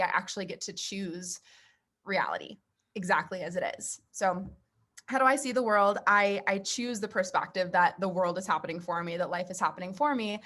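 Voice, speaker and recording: A woman podcast guest giving a reflective, conversational answer in a thoughtful, deliberate, explanatory way. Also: fairly low pitch, a bit bright.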